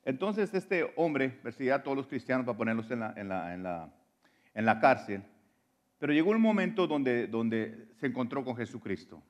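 A man's voice: medium pitch, expressive, moderate pace. A man preaching a sermon. He speaks earnestly and directly to his listeners, often restarting words, and grows more fervent and emphatic.

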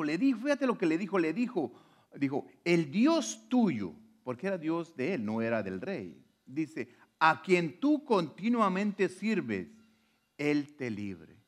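A man preaching a sermon, retelling scripture dramatically and asking the listener direct questions. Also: on the high side. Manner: dramatic pulpit delivery, slowing to stress quoted scripture.

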